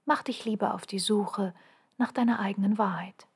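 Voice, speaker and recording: A woman's voice: mid-range voice, moderate pace, gravelly, a little mellow, husky. A woman reading her own first-person motivational text aloud, earnest and intimate, often dropping to a half-whisper and pressing the listener with urgent questions.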